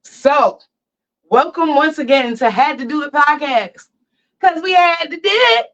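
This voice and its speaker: Woman, podcast host, talking through her phone, lo-fi dull sound, casual lively chat. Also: sits high, measured pace. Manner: lively, hyped, chatty. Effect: talking into a phone, heard through its mic. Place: barber chair.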